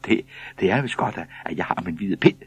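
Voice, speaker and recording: Guy reading as little troll cat, curious, soft and musing, low husky voice. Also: animated, full character voice. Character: small curious young male troll cat.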